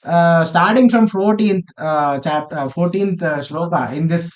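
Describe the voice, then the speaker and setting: A man with a fairly high-pitched voice guides an informal scripture study. He explains haltingly, often repeating a phrase before moving on. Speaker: study group discussion leader. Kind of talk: informal scripture discussion with Sanskrit chanting and explanation.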